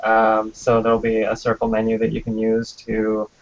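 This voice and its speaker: A man being interviewed on a podcast talks about his game, pausing often on ums and uhs. His pitch stays flat and even. The recording sounds dull and lo-fi. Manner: hesitant, many ums and uhs. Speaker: game developer guest.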